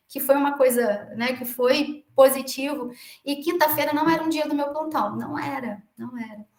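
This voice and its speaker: A Brazilian woman lecturing as a municipal attorney, telling a personal story in a chatty way with many asides and restarts. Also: high-pitched. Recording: echoey room.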